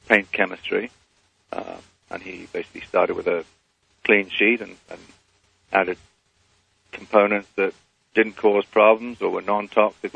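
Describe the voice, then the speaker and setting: A man's voice: low voice, gravelly, a bit bright, husky. A man as a guest on a phone interview, speaking hesitantly with many fillers, his phone held away from his mouth so he sounds faint and distant.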